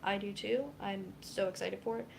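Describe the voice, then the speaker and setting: A woman's voice: medium pitch, fairly even intonation, moderate pace, creaky, darkish tone, a little hiss or hum. A young woman, a dietitian, chatting casually on a live cooking stream, reading viewer comments aloud as she chops vegetables in her kitchen. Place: home kitchen.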